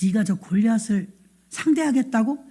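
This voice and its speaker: A woman pastor voicing a worried king who gently but firmly refuses a boy. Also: a little high, expressive, moderate pace, husky. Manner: soothing refusal.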